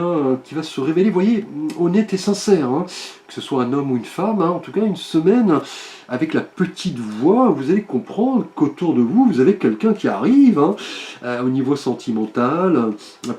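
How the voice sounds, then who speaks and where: A man giving a weekly zodiac oracle card reading, speaking to viewers directly in a hesitant, gently reassuring way, with many filler sounds. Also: on the high side, roomy sound. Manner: hesitant, full of filler sounds and tag questions.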